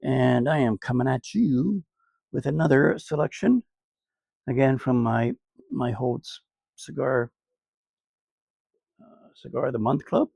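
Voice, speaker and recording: A man with a gravelly, creaky voice talks slowly and loosely through a cigar review, full of fillers and crude asides. He is recorded close and dry outdoors, and the sound has very little echo. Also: medium pitch, animated, darkish tone. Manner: laid-back, rambling, crude jokes, many fillers. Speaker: cigar reviewer, channel host. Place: outdoors on a sunny day.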